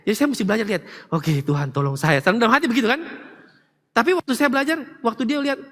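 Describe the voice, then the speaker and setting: A middle-aged male pastor preaching an animated sermon, acting out family members in quick quoted voices. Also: very high voice. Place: large church hall. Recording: church hall with long reverb.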